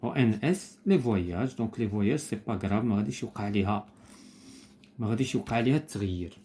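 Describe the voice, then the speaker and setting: A man with a Moroccan accent explaining a primary school lesson, slowing down to spell out phrases carefully. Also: on the low side, dark tone, slight background noise. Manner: switches between Moroccan Arabic and slow, deliberate French. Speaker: teacher.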